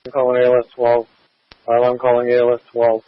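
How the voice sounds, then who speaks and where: A man's voice: medium pitch, monotone, fast, no echo. A man working as a fire alarm dispatcher, giving clipped, procedural read-backs and assignments over a radio channel. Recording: tinny, phone-like radio channel.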